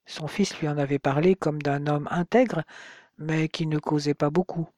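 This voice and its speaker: An audiobook narrator calmly reading a novel on a close microphone. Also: medium pitch, moderate pace, no room sound.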